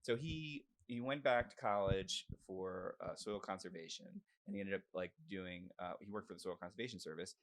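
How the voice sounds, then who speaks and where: A man's voice: low-pitched, moderate pace, few pauses. A middle-aged American man from West Virginia and Maryland chatting casually as a guest, rambling and self-deprecating. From West Virginia and southern Maryland, US. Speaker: interview guest. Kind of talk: casual chat.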